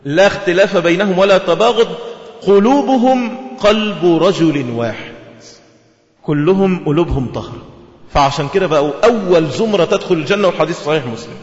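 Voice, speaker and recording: A man with an Egyptian accent preaching a sermon, lively and asking his audience rhetorical questions. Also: high-pitched, fairly quick. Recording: echoey hall, dull lo-fi sound.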